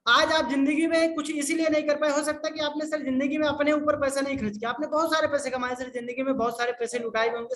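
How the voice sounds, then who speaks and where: A man, a business consultant, answering viewer questions in an insistent, repetitive sales pitch and often calling the listener sir. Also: a bit bright. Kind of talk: persuasive sales talk in a live Q&A. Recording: echoey room with faint noise.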